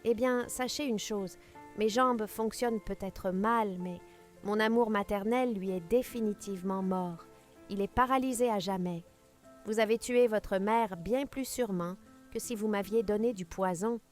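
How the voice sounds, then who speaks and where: A woman voicing an elderly matriarch who speaks hoarsely, in a cold, commanding tone, articulating every syllable. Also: mid-range voice, a little slow, soft background music, natural voice. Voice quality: hoarse, gravelly.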